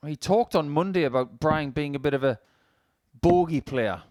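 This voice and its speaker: Higher-pitched man, wry darts commentary. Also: moderate pace, darkish tone, no echo, studio quality. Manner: wry, anecdotal banter. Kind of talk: chatty, joking sports commentary.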